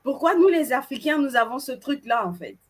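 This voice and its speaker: Woman co-host from Cameroon, animated and playful with the crowd, slightly high pitch. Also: fairly quick, slightly rough. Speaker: event co-host. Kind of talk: casual presenting to an audience.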